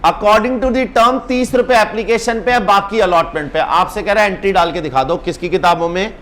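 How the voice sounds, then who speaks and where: A man gives a brisk exam-prep accounts lecture, teasing his class and urging them on. His voice sits high. Faint classroom noise hums underneath. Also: fairly bright tone. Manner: brisk, teasing, urges students on. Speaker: accounts teacher.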